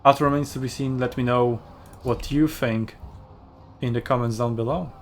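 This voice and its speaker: A man's voice: mid-range voice, fairly even intonation, moderate pace, a little hiss or hum. Man chatting through gameplay commentary. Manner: rambling, self-correcting, chatty with fillers. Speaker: gaming video host.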